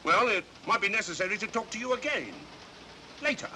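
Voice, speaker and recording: Blustering British inspector, vintage 1940s film. Rapid, sharp, officious, with faint soundtrack noise. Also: male voice, high-pitched, expressive, heavily acted. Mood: officious, gruff. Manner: blustering, indignant.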